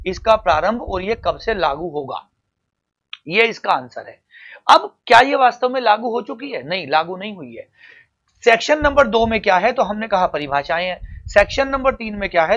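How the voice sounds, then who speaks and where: A man's voice: high voice, fairly bright tone, muffled recording. A man teaching law to exam students, talking to them directly and calling them "beta" and "champion". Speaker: coaching teacher. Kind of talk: explaining law for exam prep.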